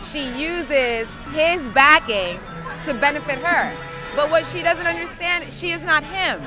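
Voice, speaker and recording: Young woman from Queens, emphatic, frustrated, slightly high voice, music behind. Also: unhurried, a crowd in the background. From Queens, New York. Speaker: voter. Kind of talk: street interview. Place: outdoors on a city street.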